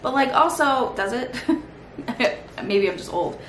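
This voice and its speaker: A woman's voice: high voice, expressive, slow. A woman in her thirties giving casual, rambling comedic commentary as a host, sardonic and sweary. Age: 30s. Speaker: host reacting to old toy commercials. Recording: roomy echo, faint background noise.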